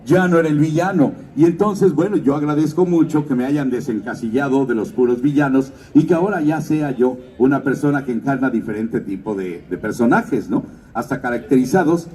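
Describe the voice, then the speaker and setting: A man who works as a voice actor and announcer, giving a lively stage talk at a fan expo. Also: medium pitch, a little fast, hardly any pauses, recorded from a distance. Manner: lively storyteller, slipping into character voices.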